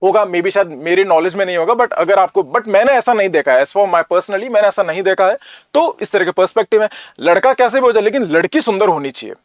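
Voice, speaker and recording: A man's voice: sits high, animated, a little fast, dry recording. A man from North India lecturing as a teacher, talking in a conversational way and often asking rhetorical questions. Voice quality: Hindi mixed with English, conversational.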